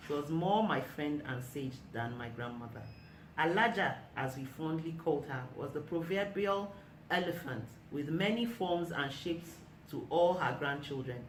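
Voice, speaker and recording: A woman author reading aloud from her own book of short stories in a measured, deliberate way. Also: low-pitched. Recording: echoey room, mic at a distance, noisy.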